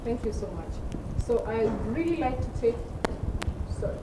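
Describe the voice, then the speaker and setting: A woman's voice: on the high side, animated, normal speed, dark tone, low-quality recording. A woman moderating a live panel and addressing the guests and audience. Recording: live event with background noise.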